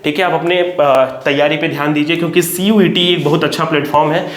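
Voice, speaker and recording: Earnest teacher, echoey room. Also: male voice, a little high, fairly even intonation, a little fast, a bit bright. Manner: earnest, repeats "theek hai" often. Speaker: coaching teacher. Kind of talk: direct-to-camera talk to parents and students.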